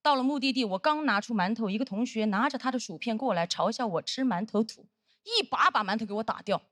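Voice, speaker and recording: A woman's voice: a little high, animated, quick pace, fairly bright tone, no room sound, clean studio sound. A woman in her thirties performing brash, punchy stand-up comedy on a stage before an audience. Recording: noisy live stage recording.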